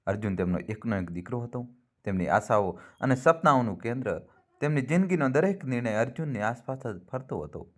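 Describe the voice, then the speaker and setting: Male storybook narrator, mid-pitched. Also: brisk. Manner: steady storytelling, building suspense.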